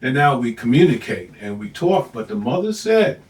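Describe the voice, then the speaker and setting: An older man, a podcast co-host, telling family stories in a relaxed, reflective way, with lots of "you know"s. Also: medium pitch, normal speed. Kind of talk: casual chat. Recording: echoey room, mic at a distance.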